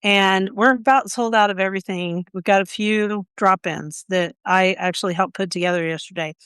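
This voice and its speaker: Woman podcast co-host, from Oklahoma, chatty storyteller, smooth clear voice, dry close mic. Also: medium pitch, a bit bright, no room sound. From Oklahoma, USA. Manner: chatty storyteller, quick asides. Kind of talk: casual chat.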